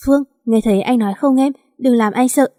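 A woman voicing a grieving young husband who pleads softly with his wife, read aloud in an audio story. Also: high-pitched, fairly quick, dry recording, studio quality, natural voice. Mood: pleading.

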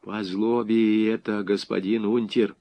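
A man's voice: medium pitch, animated, takes it slowly, vocal fry, darkish tone, pitched above the performer's own voice, heavily acted. A man voicing an aging stoker, frightened and fawning, pleading with soldiers in an audiobook.

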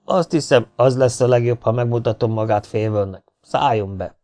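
A man's voice: medium pitch, warm tone, natural voice. A man voicing a wary, armed Englishman who speaks with sardonic doubt. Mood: sceptical.

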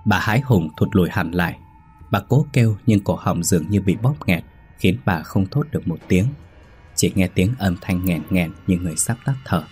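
A man narrates a scripted horror story. His voice sits very low, and he keeps a steady, brisk storytelling pace. Faint music plays underneath. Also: breathy edge.

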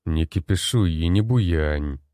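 Gruff square-faced general, deep and dark, lecturing ; male narrator voices him. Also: takes it slowly, dry recording, clean studio sound.

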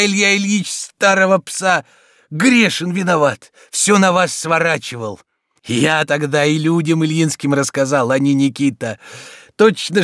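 A man's voice: sits high, fairly bright tone, dry recording, studio quality, pitched above the performer's own voice. A man voicing an old male servant who wheezes and fusses, fawning and full of exclamations. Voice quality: hoarse, wheezing.

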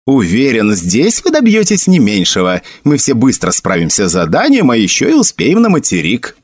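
A man voicing an eager, excitable young nobleman with a raised voice. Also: medium pitch, moderate pace, husky, no echo, studio quality.

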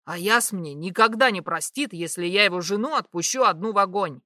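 A woman voicing a gruff, commanding young nobleman who speaks curtly and coldly. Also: mid-range voice, fairly quick, bright, forceful tone, dry recording, clean studio sound, lightly acted. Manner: curt, cold, bossy.

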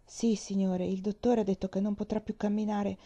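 A woman's voice: mid-range voice, level tone, moderate pace, dark tone, lo-fi sound, natural voice. A woman voicing a young, tender-hearted maid who speaks earnestly and apologetically, close to tears, in a read-aloud storybook. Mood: distressed.

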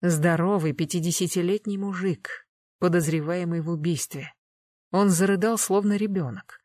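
An audiobook narrator reading a novel in steady scripted narration. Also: mid-range voice, normal speed, no echo, studio quality.

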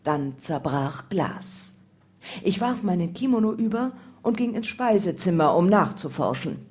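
Woman, audiobook reader, first-person memoir narration, measured, calm. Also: on the low side.

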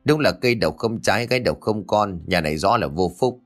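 A man's voice: lively intonation, fairly quick, faint music behind, natural voice. A man voicing a harsh, sneering old mother-in-law in a spoken ghost story. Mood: scolding. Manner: shrill, sneering, scolding.

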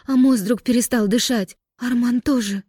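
Woman reading as a tearful young fairy, frantic, high-pitched, mellow, dry. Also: level tone, fairly quick, no room sound, natural voice. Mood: distraught.

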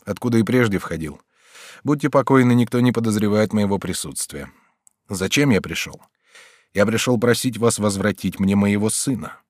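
A man voicing a calm but firm male doctor who questions a patient steadily and insistently in an audiobook. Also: on the low side, normal speed, dry recording, studio quality. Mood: urgent. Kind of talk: audiobook character reading.

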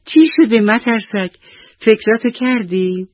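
A man voicing a gentle, hungry pigeon who pleads softly in a children's radio story. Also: sits high, dry recording, dull audio, voice pushed up.

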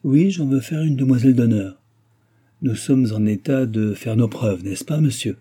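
A man reading a novel aloud, voicing a young royal princess who is brisk, gracious and commanding. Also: medium pitch, breathy edge, lightly acted. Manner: brisk, imperious, graciously warm. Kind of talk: audiobook character reading.

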